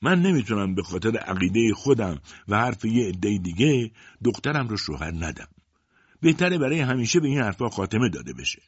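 A man voicing a proud, quick-tempered older father who talks loud and forcefully. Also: medium pitch, expressive, no room sound, highs cut off, pitched above the performer's own voice. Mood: firm.

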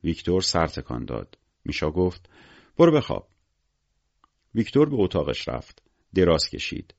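A man narrating an audiobook in a measured, expressive storytelling manner. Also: low-pitched, dull audio.

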